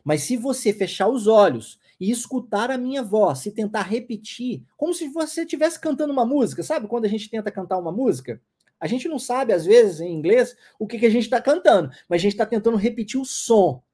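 A man with a Brazilian Portuguese accent teaching English, modeling phrases slowly for students to repeat and explaining intonation. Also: high-pitched, expressive, mellow, husky. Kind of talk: language lesson with repetition drills.

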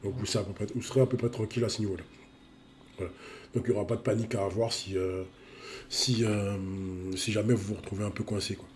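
A man's voice: lowish voice, fairly even intonation, fast talker, a little hiss or hum. A man with a cold, sniffling as he reviews a mobile game card in a casual, repetitive way, full of fillers. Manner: repeats himself, full of fillers.

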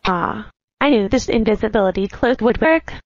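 A woman's voice: on the high side, moderate pace, no echo, lo-fi sound. A woman voicing a scheming schoolgirl plotting a prank. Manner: scheming, excited. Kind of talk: cartoon voice acting.

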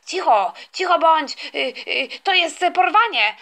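A woman acting out a bumbling kidnapper in a toy story who barks quick orders at his partner. He sounds urgent and bossy but keeps tripping over his words. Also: very high-pitched, animated, bright, forceful tone, heavily acted.

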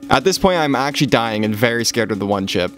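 A man's voice: medium pitch, lively intonation, quick pace, a bit bright. A young man giving a casual voice-over narration for a vlog. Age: young adult. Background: music.

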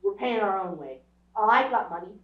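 Playing a defiant, proud young boy in a stage radio drama, this performer sounds blunt and insistent, with a natural, medium-pitched, animated voice at a moderate pace. The recording, made by a camera in the audience of a small theatre, is distant, muffled, and full of echo.

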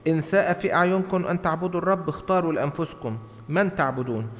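Fast-talking Egyptian priest in a reverberant church. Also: male voice, fairly high pitch. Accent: Egyptian Arabic. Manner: conversational, acts out dialogue, repeats short phrases for emphasis. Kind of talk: Bible teaching sermon, explanatory. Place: large church interior at a lectern. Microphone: gooseneck lectern microphone.

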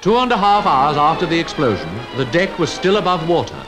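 A man giving scripted narration for a 1940s newsreel, in a solemn, formal, measured voice over an old archive soundtrack. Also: fairly high pitch, sing-song, over music.

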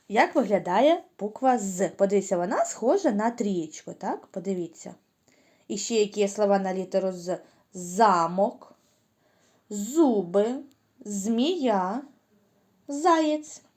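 Slow, lively-voiced woman teaching small children. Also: medium pitch. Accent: Ukrainian. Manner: slow, patient, drawn-out speech with sing-song sound drills. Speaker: preschool teacher.

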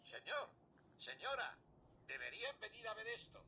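A man's voice: very high-pitched, very animated, normal speed, gravelly, sharp tone, slight background noise, exaggerated voice. A man voicing a polite, dutiful and fussy robot butler in a video game. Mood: concerned. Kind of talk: video game drama acting.

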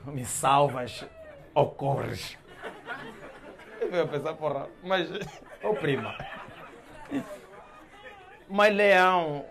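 A man doing stand-up comedy, animated and laughing often with loud exclamations. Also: medium pitch, slow pace, creaky, pauses often, some chatter behind.

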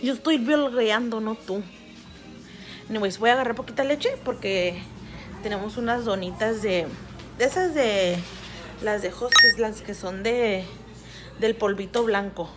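A woman in her thirties filming a family vlog on her phone, chatting straight to her viewers and gently correcting the kids along the way. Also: fairly high pitch, unhurried, over music. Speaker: family vlogger. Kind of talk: casual vlog chat to viewers. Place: car at night, shopping mall, home kitchen. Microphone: phone held at arm's length. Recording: loud crowd and background noise.

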